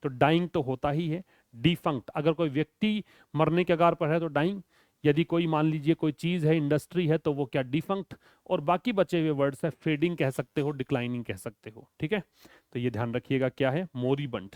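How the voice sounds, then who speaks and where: A man's voice: on the high side, steady tone, fairly quick, a little mellow, dry recording, studio quality. Drilling male vocab teacher. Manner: drilling, repeats questions and answers them himself. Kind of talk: exam vocabulary lesson.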